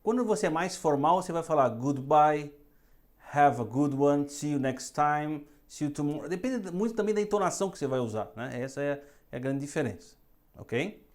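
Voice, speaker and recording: A woman's voice: sits low, animated, a little mellow. Brazilian woman teaching English phrases. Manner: repeats phrases slowly for students to echo. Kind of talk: bilingual English lesson.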